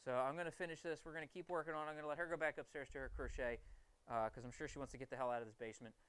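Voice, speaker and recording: A man's voice: on the high side, steady tone, racing, fairly bright tone, clear, resonant tone, no echo. A man livestreaming from his basement forge, explaining knife grinding in an enthusiastic, rambling way. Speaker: streamer and knifemaker. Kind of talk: casual livestream talk while working.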